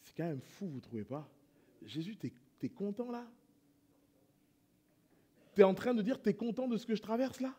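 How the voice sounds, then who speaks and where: Male pastor, high voice, sermon in church, quiet prayer swelling into fervent preaching. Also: animated, moderate pace, long pauses, slightly rough. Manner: swings from hushed prayerful to loud impassioned preaching.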